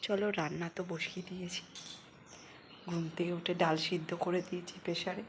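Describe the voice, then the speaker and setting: A woman chatting casually to her vlog viewers from her home kitchen, talking quietly at first so her sleeping daughter will not wake. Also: on the low side, level tone, fairly quick. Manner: speaks softly so her sleeping daughter stays asleep. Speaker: vlogger. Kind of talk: casual daily vlog chat. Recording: home recording with noisy kitchen sizzle.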